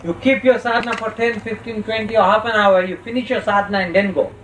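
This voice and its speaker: Really high voice, spiritual teacher preaching slowly w/ pauses, distant mic, bit of noise. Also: steady tone, reverberant. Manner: instructive, checks listeners' understanding. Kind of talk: religious discourse with parable storytelling.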